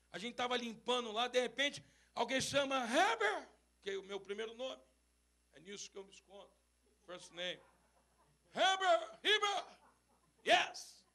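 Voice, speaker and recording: A man preaching an animated sermon at a church service, acting out stories and breaking into shouts. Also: very high voice. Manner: mixes English phrases into his sermon. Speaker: bishop preaching.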